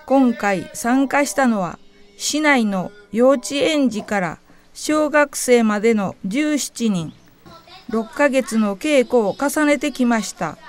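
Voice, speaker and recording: Slow-paced, high-voiced woman narrator. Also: expressive. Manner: measured, formal announcing. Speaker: narrator of a local event video. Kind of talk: scripted narration.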